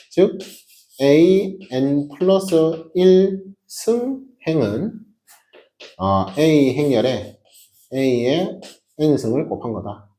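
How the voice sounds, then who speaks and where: A man's voice: medium pitch, dark tone. A man teaching a math class, explaining step by step with emphatic rhetorical questions to his students. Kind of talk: classroom lecture.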